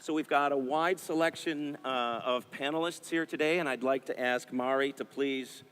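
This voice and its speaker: A man's voice: mid-range voice, fairly even intonation, normal speed, a bit bright, a little hiss or hum. A man hosting a conference panel, upbeat and encouraging. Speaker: panel host. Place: large conference hall. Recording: echoey conference hall.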